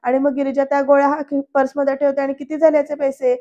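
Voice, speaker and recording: A woman tells what happens in a TV serial episode, voicing each character's lines in turn. Her voice sits high and stays level, with little rise and fall. The recording is dull and lo-fi. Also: flat delivery, quick pace, mellow. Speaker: serial recap narrator. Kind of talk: voice-over episode recap.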